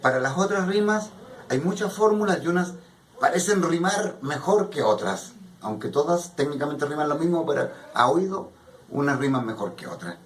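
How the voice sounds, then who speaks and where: Leading a poetry workshop as a classroom lecture, a man with a voice on the high side explains patiently and often checks in with "¿ya?" to see if students understand. The audio, from a distant mic in an echoey room, carries a little hiss or hum.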